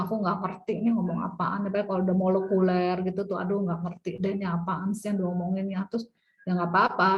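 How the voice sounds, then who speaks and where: Woman, middle-aged, university lecturer, animated classroom lecture, slow slide reading, quick casual explanations. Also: medium pitch, rough recording. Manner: animated, reads English slides slowly then explains, acts out students' replies. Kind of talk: classroom lecture mixing Indonesian and English.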